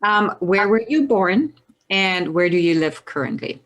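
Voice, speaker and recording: A woman's voice: mid-range voice, animated, measured pace, poor audio. A woman hosting a podcast interview, asking casual questions and answering with encouraging short replies. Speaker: podcast host.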